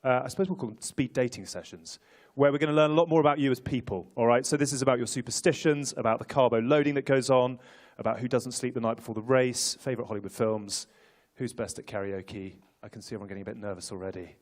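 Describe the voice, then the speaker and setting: A man's voice: mid-range voice, quick pace. A man hosting a live press conference, speaking informally and jokingly to the room with teasing, rallying banter.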